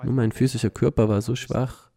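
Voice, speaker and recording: A man's voice: medium pitch, little pitch movement, brisk, creaky, dark tone. A man telling his own story earnestly as personal testimony, often dropping in a filler "ja". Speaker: cancer survivor sharing his story.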